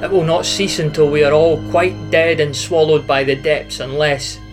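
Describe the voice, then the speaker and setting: An actor plays a feverish young man in a period audio drama, haunted and desperate, pleading with tormented urgency. His voice sits a little high for a man, and faint music plays beneath him. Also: level tone, normal speed, lightly acted. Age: young adult.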